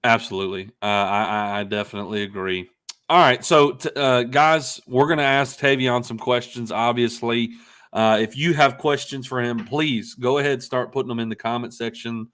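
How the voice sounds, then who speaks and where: Male host, loose and halting, fillers throughout, average pitch. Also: fairly even intonation, a bit bright. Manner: halting, many fillers and restarts. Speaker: podcast host. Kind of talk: casual live-stream chat.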